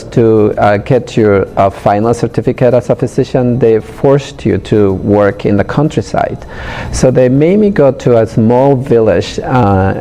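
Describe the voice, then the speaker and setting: A middle-aged man from Honduras, answering interview questions in a hesitant way with many pauses. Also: mid-range voice, gravelly, dark tone, a little hiss or hum. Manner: hesitant, frequent pauses and fillers. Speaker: interviewee, public health professional.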